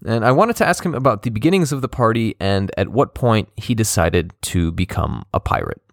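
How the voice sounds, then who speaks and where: A man's voice: lowish voice, sing-song, brisk, gravelly, no room sound, clean studio sound. A man hosting a podcast, reading a scripted introduction in a conversational, lightly joking way. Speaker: podcast host.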